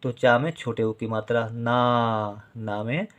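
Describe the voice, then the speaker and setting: Man slowly spelling out a writing lesson. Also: mid-range voice, steady tone. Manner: slow, deliberate reading and spelling out of syllables. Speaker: Hindi writing teacher. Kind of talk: spoken handwriting lesson.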